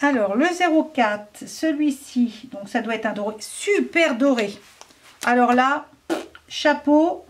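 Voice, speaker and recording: A woman's voice: high voice, expressive, slow, slight background noise. A French woman casually reviewing craft markers, chatty and hesitant, thinking aloud with many fillers.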